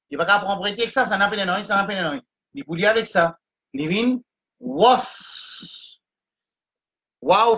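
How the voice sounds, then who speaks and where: A man leads a slow reading lesson, naming each letter and vowel mark before joining them into syllables. His voice is bright and forceful, and he takes his time over every sound. He talks like a patient live-streamed tutor walking learners through each word. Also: high-pitched, poor audio. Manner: spells out letters and vowel marks, then blends them slowly. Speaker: Quran reading teacher. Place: home, livestream.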